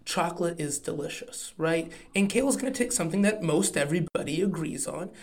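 A young man with an Oklahoma accent and a slightly high voice chats on a podcast. He is informal and candid, reflecting as he talks. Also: lively intonation, a little fast. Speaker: podcast co-host. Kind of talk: casual podcast chat.

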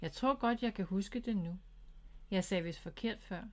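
A woman's voice: medium pitch, natural voice. A woman voicing an eager young boy rabbit who is learning magic, in a storybook read-aloud. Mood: curious.

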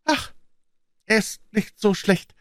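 A man's voice: high-pitched, animated, slow pace, fairly bright tone, no room sound, clean studio sound, pitched above the performer's own voice, exaggerated voice. A man voicing an anxious, bitter older woman, a former nanny, in a storybook reading. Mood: eager, anxious.

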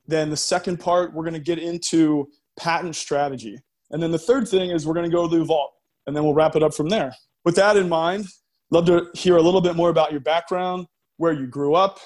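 A man hosting a podcast, reading a formal guest introduction in a measured way, then leading the interview. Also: on the high side, steady tone, a little mellow. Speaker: podcast host.

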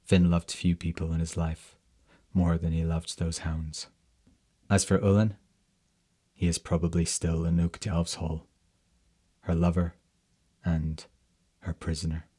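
Male storyteller, slow and measured narration, deep flat voice. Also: slightly rough.

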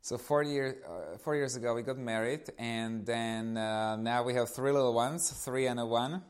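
An eastern Slovak man in his thirties, accent clearly Slovak, addresses an audience informally as a guest offering personal testimony. He speaks at normal speed in a clean, mid-range voice, and his storytelling is lively.

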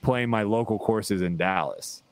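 A young man hosting a casual podcast, chatty and upbeat, asking questions in quick bursts. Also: lowish voice. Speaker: podcast host.

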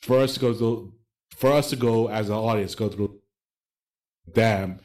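A slightly low-voiced man co-hosting a casual podcast. He lays out his thoughts at length, leaning on fillers as he goes. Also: measured pace, a little mellow. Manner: conversational, explaining at length with fillers. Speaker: podcast co-host. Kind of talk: casual chat.

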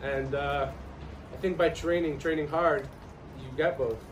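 Guy answering slowly with lots of uhs, distant and a bit noisy. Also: on the high side, steady tone. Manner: hesitant, brief answers. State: shivering from cold. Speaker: interview guest, soon-to-be soldier. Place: outdoors in an ice bath.

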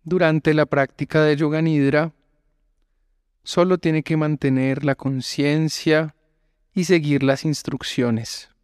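A yoga teacher, male, leads a guided meditation in a calm, measured way, speaking very slowly with long pauses between phrases. His fairly high voice is smooth and clear. The recording is close and dry.

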